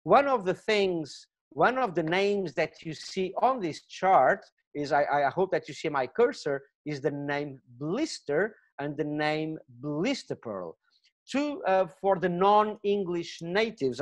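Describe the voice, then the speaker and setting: A middle-aged gemology lecturer, a native Portuguese speaker with a Portuguese accent, gives an earnest webinar lecture over a webcam. His voice is on the high side, animated and a little slow, and he uses many fillers and restarts.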